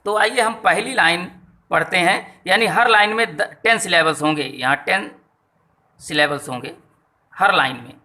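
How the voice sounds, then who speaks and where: A man teaching a lesson on poetic meter to students, explaining slowly and repeating each point. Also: sits high, pushed and bright. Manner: slow, repetitive explaining to students. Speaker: English teacher. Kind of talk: classroom lesson on poetry meter.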